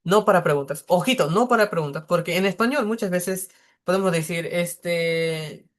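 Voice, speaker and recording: A man's voice: sits high, moderate pace, fairly bright tone. Man teaching a beginner English lesson. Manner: patient, explains step by step.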